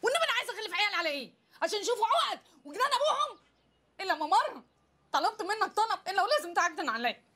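An actress with an Egyptian accent playing a quick-tempered young wife with sharp, nagging retorts. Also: female voice, very high-pitched, big pitch swings, exaggerated voice. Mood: indignant. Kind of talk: film comedy acting.

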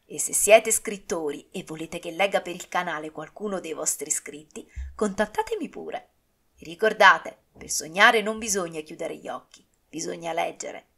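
Calm woman audiobook narrator. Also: on the low side, normal speed, creaky.

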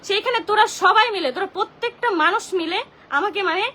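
Woman, very high pitch, rapid, heated livestream rant, phone mic. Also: pushed and bright. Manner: indignant, heated, full of rhetorical questions. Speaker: social media livestreamer.

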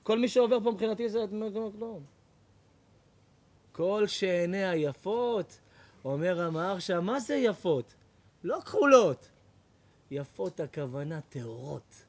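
A man, a rabbi, giving an animated sermon, loud, repetitive and mocking. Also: high voice, husky. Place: lecture hall.

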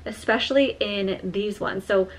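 A woman's voice: medium pitch, a little slow. A young woman chatting casually to her viewers in a try-on haul, full of "like" fillers, filmed in a small apartment on a camera. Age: young adult. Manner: chatty, frequent "like" fillers, friendly address to viewers. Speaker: lifestyle vlogger. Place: small modern apartment indoors.

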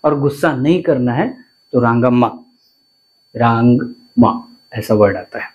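A man's voice: medium pitch, measured pace, darkish tone, muffled recording. A man, teaching vocabulary to viewers and often repeating words and asking questions. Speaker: language teacher.

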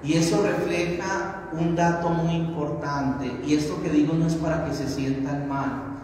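A middle-aged man preaches at a baptism mass, listing virtues and sins one after another. His voice sits a little high. It reaches the camera from across a small, very echoey chapel with a long reverb tail. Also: fairly even intonation, unhurried, a little mellow, a little hiss or hum. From Colombia. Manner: preaching in lists, asks the congregation questions. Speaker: priest. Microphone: handheld mic, far camera. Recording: echoey chapel, voice heard from far off.

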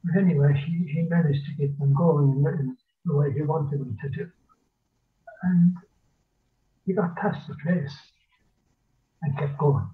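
A thin, phone-like video call carries an older man with a rural west of Ireland accent. His voice sits fairly high for a man. He tells folk tales in a lilting, rambling storyteller's way, circling back on phrases and pausing. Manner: lilting, rambling Irish storyteller with repetitions and pauses. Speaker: folklorist and storyteller. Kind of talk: oral folk storytelling in casual speech. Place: small dim room at home, indoors. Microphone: computer mic on a video call.

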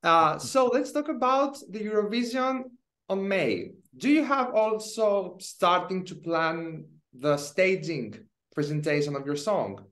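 High-pitched young man, upbeat video-call interviewer. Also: lively intonation, unhurried, fairly bright tone. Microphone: webcam on video call.

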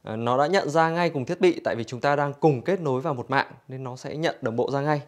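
A man's voice: mid-range voice, brisk. A man giving an infomercial-like product demonstration for a store, explaining conversationally to customers.

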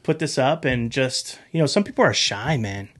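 A man's voice: medium pitch, lively intonation, normal speed. A man from Rhode Island, a guest in a casual chat, playful and jokey. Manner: playful, jokey, acts out voices.

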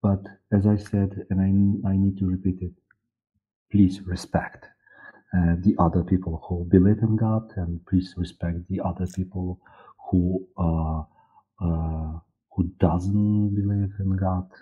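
Husky, low and steady in tone, a man in his forties from Poland speaks with a Polish accent as an interview guest who directs and produces audio dramas. His unscripted answers are halting, with word-searching and repetition. The video call comes from a dark room, and the audio is muffled like a phone.

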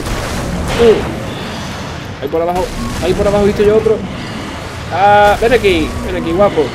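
A man commentating a video game, excitable, swearing and joking to his viewers. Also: high voice. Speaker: gaming commentator. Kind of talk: let's play commentary.

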